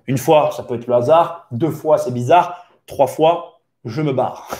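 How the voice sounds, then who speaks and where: A man's voice: medium pitch, measured pace, warm tone. Man musing casually, full of rhetorical questions. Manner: hesitant, many fillers and restarts, rhetorical questions. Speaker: real estate podcast host. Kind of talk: casual opinionated monologue.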